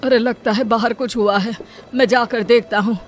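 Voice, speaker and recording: A woman voicing a poor, brave laborer husband in a cartoon story, earnest and quick to exclaim. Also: a little high, steady tone, a little hiss or hum, natural voice. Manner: earnest, exclaims "arey" a lot. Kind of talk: Hindi cartoon story dubbing.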